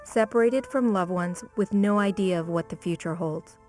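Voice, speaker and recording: Lady doing calm scripted documentary voiceover, mid pitch, light music behind. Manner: measured, informative. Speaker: narrator.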